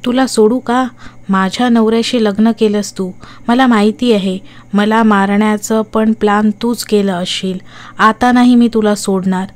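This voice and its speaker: A woman's voice: mid-range voice, fairly even intonation, a little slow, a little mellow, natural voice. A woman voicing a spiteful half-burnt ghost woman. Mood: spiteful taunting. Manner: taunting, scolding, cackling.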